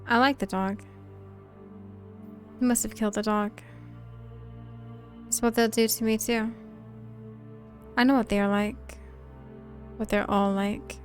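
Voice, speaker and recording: A woman streamer narrating a dark story game aloud in quiet, tense first person, dropping to whispers at times. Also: on the high side. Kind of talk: dramatic reading of a story game.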